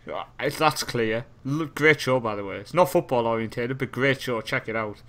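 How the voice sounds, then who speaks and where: A man's voice: medium pitch, normal speed, fairly bright tone. A young man from Europe chats casually as a podcast co-host. He rambles from point to point, jokes around, and laughs often, in an ordinary mid-range voice.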